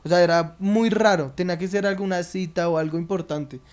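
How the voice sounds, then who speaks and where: A young man in his twenties, a comedian chatting casually in a relaxed, slangy, self-mocking way. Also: sits high, fairly quick, clear, resonant tone. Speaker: comedian, co-host. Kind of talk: casual chat.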